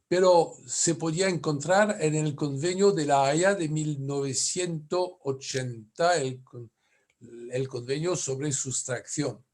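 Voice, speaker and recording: A French family lawyer, native French speaker with a French accent, gives a conference lecture in careful, halting speech, correcting himself as he goes. His voice is fairly high in pitch.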